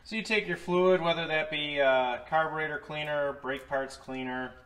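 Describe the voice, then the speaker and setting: Recorded on his camera mic in a garage workshop, a man casually walks through a repair one step at a time, using lots of fillers. This DIY repair vlogger sounds a little high and fairly bright, talking at a normal pace.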